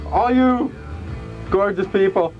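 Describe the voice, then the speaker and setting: Brief: male radio DJ, raised pitch, loud joking showman, music bed behind. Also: slow pace, lo-fi sound. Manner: jokey, self-deprecating, loud showman. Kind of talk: casual on-air banter.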